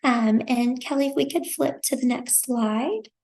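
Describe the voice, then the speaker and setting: A woman's voice: on the high side, a little slow, darkish tone, a little hiss or hum. A woman presenting a conference workshop over a video call, appreciative and full of small restarts. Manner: appreciative, with many fillers and restarts.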